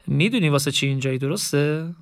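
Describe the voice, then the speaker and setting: A man's voice: a little high, no echo, studio quality, close to an everyday voice. A man voicing a stern male security interrogator with a curt, serious manner in an audiobook. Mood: probing.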